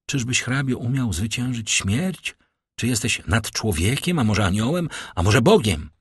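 A man's voice: mid-range voice, lively intonation, measured pace, slightly rough, no echo, studio quality, voice pushed up. A man voicing a desperate, fearful young man who pleads in a raised voice.

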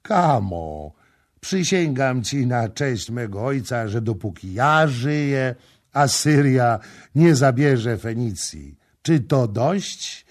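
A man reading the part of a proud young prince in an audiobook, forceful and commanding. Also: mid-range voice, expressive, takes it slowly, pitched above the performer's own voice.

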